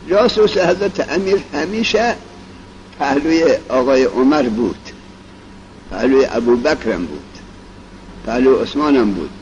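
Male grammar teacher, casual lecture delivery with a lively, swooping pitch, on a dull lo-fi recording. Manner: explains in plain speech, reciting Arabic examples slowly. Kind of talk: colloquial classroom lecture. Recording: dull lo-fi recording with faint vehicle noise.

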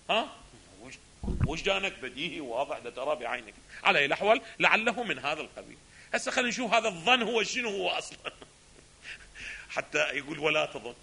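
A man's voice: high voice, creaky, bright, forceful tone. A man giving a lecture on a philosophy text, often asking rhetorical questions and answering them himself. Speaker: religious scholar teaching a text.

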